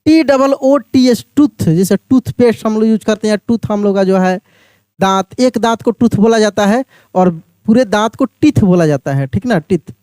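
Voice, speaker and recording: A man teaching an English pronunciation lesson, spelling words out letter by letter and repeating each one slowly while quizzing his viewers. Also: sits high, animated, a little mellow, smooth, dry recording, studio quality.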